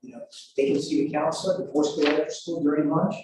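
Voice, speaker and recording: A man's voice: on the high side, steady tone, fast talker. A man addressing a school board at a public meeting in a blunt, self-described sarcastic way. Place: meeting room. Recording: echoey room mic from a distance with hiss.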